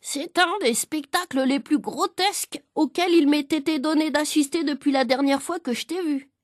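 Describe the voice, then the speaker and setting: A woman's voice: high-pitched, normal speed, no echo, studio quality, lightly acted. A woman voicing a portly, pompous neighbor who loves to mock and boast.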